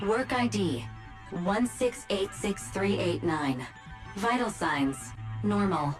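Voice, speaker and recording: A gentle care robot guides a rescue in a low, steady female voice. She announces every readout politely and evenly, like a video game assistant. Game music plays clearly underneath.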